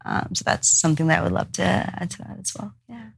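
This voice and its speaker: A woman's voice: fairly low pitch, fast, vocal fry, husky. A woman from Sri Lanka, a missions pastor, speaking conversationally and affirmingly at a roundtable. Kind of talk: roundtable discussion.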